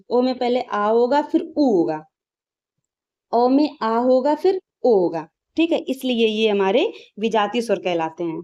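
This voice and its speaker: A woman teacher leads an exam-prep grammar lesson, drilling vowel sounds aloud and checking in with "ठीक है" after each point. Her voice sits a little high but sounds mellow and dark. The audio is slightly dull and lo-fi. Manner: asks questions and answers them herself.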